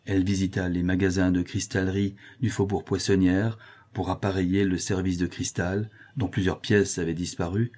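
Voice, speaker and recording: A man reading a novel aloud as audiobook narrator, measured and expressive. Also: on the low side.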